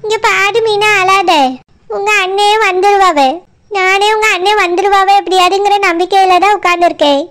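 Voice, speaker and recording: A woman playing an older village sister-in-law with a Tirunelveli Tamil accent, firm and blunt as she comforts and scolds. Her voice sits very high for a cartoon. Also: flat delivery, normal speed, a bit bright. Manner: scolding, consoling.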